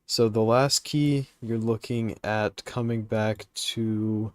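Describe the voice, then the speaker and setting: A sleepy young man streams a game from home, thinking aloud in a slow, unhurried drawl full of ums and uhs. His voice sits fairly low and comes across dry and close, with no room sound around it. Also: steady tone, a little mellow, clean tone, no echo. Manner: hesitant, thinking aloud with many fillers, reads chat questions. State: sleepy, yawning. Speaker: gaming livestream host. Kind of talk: casual live commentary while playing.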